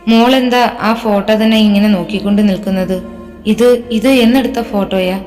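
A woman's voice: mid-range voice, brisk, darkish tone, close to an everyday voice. Woman reading as a kindly middle-aged aunt. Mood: affectionate. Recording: reverberant with background music.

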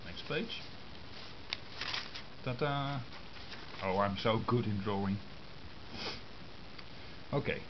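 With a fairly low voice, a radio amateur from the Netherlands gives a relaxed, step-by-step rundown of diagrams he drew by hand, stopping often between short phrases. The camera's built-in microphone makes the audio muffled and adds a steady hiss.

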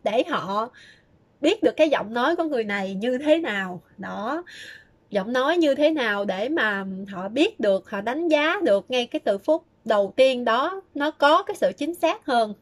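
A woman giving chatty, casual advice, often starting sentences with filler words. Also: on the high side. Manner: chatty, many fillers and repeated "đó". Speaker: fortune-telling vlogger. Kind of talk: casual spoken advice talk.

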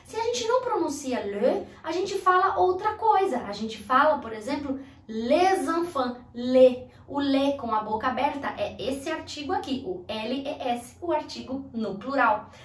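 A woman from Brazil teaching an online language lesson, demonstrating sounds clearly and slowly. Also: high-pitched, animated, a bit bright, reverberant, distant mic.

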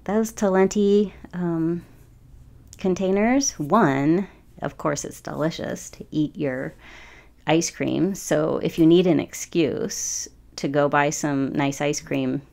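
A woman's voice: low voice, steady tone, takes it slowly, vocal fry, darkish tone. A woman in her forties chatting casually over her painting process, rambling with frequent ums. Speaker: watercolor artist.

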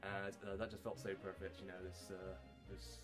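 A man's voice: deep voice, flat delivery, normal speed, over music. A man chatting casually to camera as a fan voice actor, rambling and self-deprecating.

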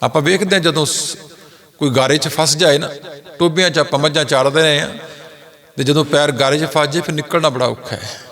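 A middle-aged man giving a sermon, slowly chanting scripture lines and then explaining them plainly. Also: a little high, steady tone, a bit bright. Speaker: Sikh preacher.

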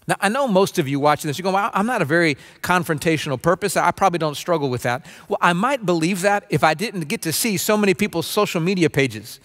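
Earnest higher-voiced pastor preaching. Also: male voice, animated, quick pace, hardly any pauses, a bit bright. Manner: earnest, conversational preaching with repeated restarts and mimicked grumbling. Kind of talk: sermon. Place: dim stage with spotlights, seated at small table.

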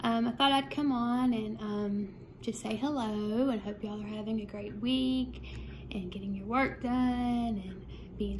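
A second grade teacher reads aloud to young children in a measured, simple way, her voice on the high side. She's in a small room at home, and clear background room noise comes through.

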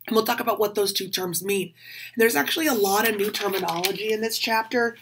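A woman professor with a hoarse voice, giving an upbeat recorded lecture to her class. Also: medium pitch, fast talker, noisy background. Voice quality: husky.

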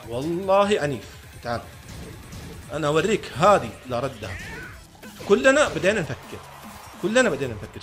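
A man giving excited live commentary on a fighting game, talking to his viewers and taunting his opponent. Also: a little high. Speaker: gaming YouTuber.

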